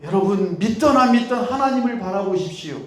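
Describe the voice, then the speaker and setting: A man preaching a sermon as pastor, moving from low, quiet talk to loud pleading cries. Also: lively intonation, a little fast, roomy sound. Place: church sanctuary.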